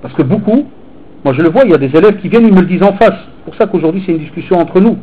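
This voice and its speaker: Guy preaching to teens, kinda husky, animated, dull lo-fi recording. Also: high-pitched, racing. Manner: animated, switches between street talk and religious phrases. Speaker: teacher and preacher. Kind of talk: informal sermon to teenagers. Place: hall in Belgium.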